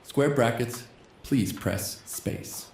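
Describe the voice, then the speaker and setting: A slightly hoarse, medium-pitched man hosting a gaming channel reads a text adventure game aloud very slowly in a soft ASMR style, even speaking the punctuation marks. The room is echoey, with a little hiss or hum.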